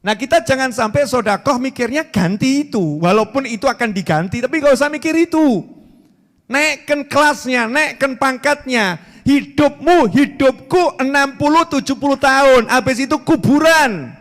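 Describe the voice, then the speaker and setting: A preacher in his forties gives a religious lecture with lively storytelling. His voice sits high. It rings out with the long reverb of a hall. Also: normal speed. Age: 40s. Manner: lively storytelling, acts out exclamations.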